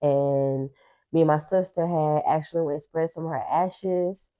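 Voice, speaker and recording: A woman with a low, warm, mellow voice tells a personal story. She speaks haltingly and restarts her sentences often. She sounds emotional, holding back tears. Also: steady tone, smooth, rough recording. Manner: halting, with many fillers and restarts. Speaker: co-host.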